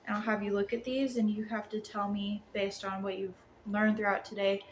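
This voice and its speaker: A woman's voice: mid-range voice, flat delivery, moderate pace. Young female student teacher, slightly muffled sore-jaw speech, informal and hesitant, noisy home recording. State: sore jaw after wisdom tooth removal. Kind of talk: informal lesson plan presentation. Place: apartment room. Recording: clear background room noise.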